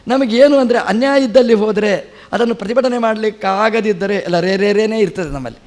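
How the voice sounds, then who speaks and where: A middle-aged male religious teacher gives a spiritual discourse, recounting a scripture story with acted-out quotes and building emphasis. His voice is high and somewhat dark in tone, and he speaks fairly quickly.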